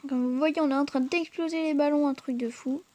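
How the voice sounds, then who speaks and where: Brief: high-pitched woman host, casual gameplay commentary, hesitant and filler-heavy, talks straight to viewers. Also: fairly even intonation, brisk, background noise. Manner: hesitant, full of fillers and restarts; chatty, addresses viewers directly. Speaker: gaming channel host.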